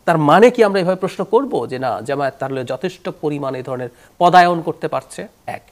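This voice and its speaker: Animated, high-pitched male political analyst. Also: a little fast. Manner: animated, explanatory, mixes in English terms. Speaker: talk show guest analyst. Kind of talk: political talk show commentary.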